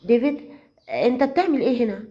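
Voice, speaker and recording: A woman puts on a tense young woman who hides something, pitched high and sharp with an Egyptian Arabic accent. She talks fast and uneasily. The recording is slightly dull and lo-fi. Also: animated, natural voice. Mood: tense, defensive. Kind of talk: storybook narration with voiced dialogue. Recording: slightly muffled lo-fi audio.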